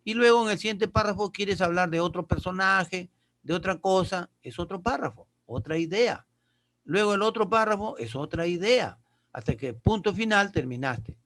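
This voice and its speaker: A man's voice: high voice, lively intonation, normal speed, a bit bright. A male teacher giving a patient, explanatory lesson, often asking questions and answering them himself, with short check-in questions. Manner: patient, asks and answers his own questions.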